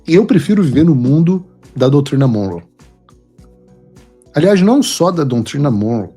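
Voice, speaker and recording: Husky man giving emphatic political commentary. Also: fairly high pitch, sing-song, moderate pace, mellow, faint music behind. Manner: emphatic, lecturing.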